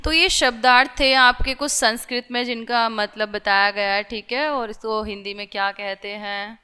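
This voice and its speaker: A woman's voice: on the high side, steady tone, normal speed, sharp tone, clear, resonant tone. A woman teacher going through a vocabulary list for young children, saying each word several times, asking "theek hai" again and again and mixing in English words.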